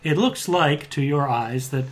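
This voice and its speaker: Higher-voiced man narrating as game master. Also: animated, heavy background noise. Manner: halting, rephrases as he describes. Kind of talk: improvised tabletop game narration.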